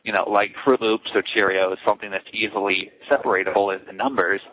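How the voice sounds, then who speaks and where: A man talking casually on a recorded prison phone call, calm and matter-of-fact. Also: fairly low pitch, a little fast. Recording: muffled lo-fi phone line.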